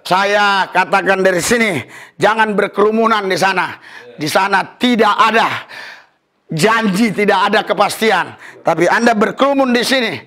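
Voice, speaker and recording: A man preaching a fervent sermon as pastor, often calling out hallelujah and rising to exultant shouts. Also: sits high, moderate pace. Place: church service.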